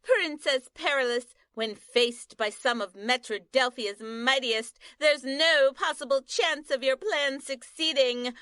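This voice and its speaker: A woman's voice: sits high, takes it slowly, few pauses, pushed and bright, dry recording, clean studio sound, heavily acted. A woman voicing a melodramatic on-scene news reporter, narrating the action as it happens. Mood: dramatic. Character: breathless female news reporter.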